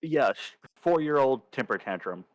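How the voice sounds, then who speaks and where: A man playing a tabletop game, casually and haltingly describing what his character does as he thinks aloud. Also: mid-range voice, expressive, heavy background noise.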